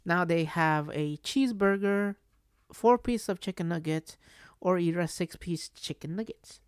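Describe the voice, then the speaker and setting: A woman chats casually as a solo podcast host, in a voice a little on the low side. She rambles through her stories, circling back and repeating phrases. The recording is dry and free of room sound. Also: moderate pace, clear, resonant tone, dry recording.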